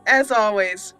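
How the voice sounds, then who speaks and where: A woman with a mid-range voice hosts a gaming channel. She gives expressive roleplay commentary and tells stories while speaking to the game's characters.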